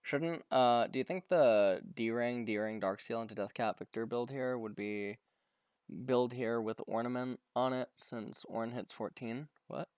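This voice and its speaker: A man's voice: mid-range voice, steady tone, a little slow, darkish tone, clear, resonant tone, dry recording. A man streaming live, casually commenting on a pro match, often stumbling, repeating words and answering viewers' questions.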